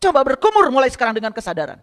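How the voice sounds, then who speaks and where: A man's voice: extremely high pitch, wildly swooping pitch, rapid-fire, a bit bright. Guy preaching, keeps firing questions at the crowd, big hall echo. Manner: rhetorical questions to the audience. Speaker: spiritual teacher. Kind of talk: sermon to a congregation. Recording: long hall reverb.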